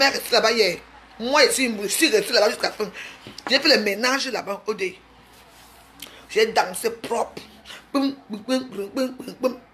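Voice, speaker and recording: A woman talking to her online followers in a mocking, scolding rant, full of quick restarts and jabs. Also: fairly high pitch, fairly bright tone. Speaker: social media personality. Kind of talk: ranting live video.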